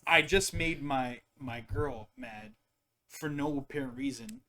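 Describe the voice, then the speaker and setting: A young man co-hosting a podcast, talking reflectively with halting restarts and joking in casual chat. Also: a little high, lively intonation, gravelly, bright, forceful tone. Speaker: podcast co-host.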